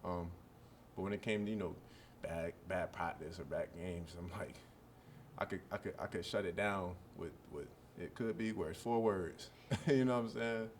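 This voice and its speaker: Answering reporters, a college footballer in his early twenties keeps things relaxed and rambling, with plenty of fillers. His voice is low and his speed normal, and there's slight hiss or hum.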